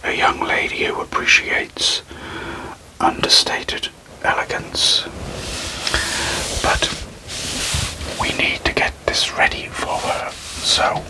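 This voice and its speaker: In a whispered role-play, a male ASMR creator speaks to his viewers in a breathy whisper with no full voicing. He goes slowly, phrasing gently and deliberately with unhurried pauses. The recording is rough.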